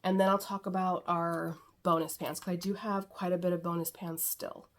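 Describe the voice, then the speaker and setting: A woman's voice: on the low side, flat delivery, normal speed. A middle-aged woman vlogging casually about her eyeshadow palettes, chatty and rambling, with lots of fillers. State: a little winded. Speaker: beauty vlogger. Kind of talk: casual makeup chat.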